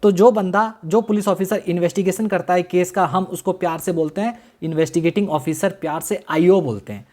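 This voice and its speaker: This classroom law lecture comes from a man with a high, somewhat mellow voice. He switches between Hindi and English legal terms, goes over key phrases slowly, and tests his students with questions.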